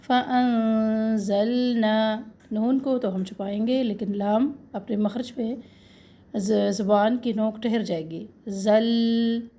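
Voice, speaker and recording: Slow, soft-voiced Urdu recitation teacher woman. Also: medium pitch, creaky, breathy edge. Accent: Pakistani Urdu. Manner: patient and corrective, demonstrating words slowly then explaining quickly. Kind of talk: Quran recitation lesson, slow drawn-out recitation with quick explanations.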